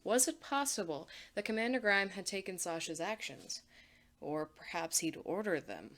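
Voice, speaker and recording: A woman reading a fan fiction story aloud, giving measured narration with rising and falling pitch. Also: lively intonation, a bit bright.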